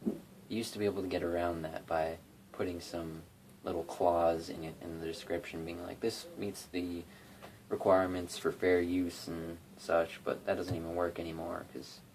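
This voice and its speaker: In a rough phone recording made in his bedroom, a young man with a low, slightly mellow voice talks about covering songs at a normal speed and in a flat tone. He sings and plays guitar for YouTube covers, and his casual vlog rambling is full of fillers and restarts.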